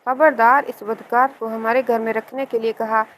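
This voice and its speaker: A woman voicing an angry, unforgiving mother who scolds her son, with a fairly high voice. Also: flat delivery, slight background noise, close to an everyday voice, rough recording. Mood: scolding. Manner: scolding and contemptuous.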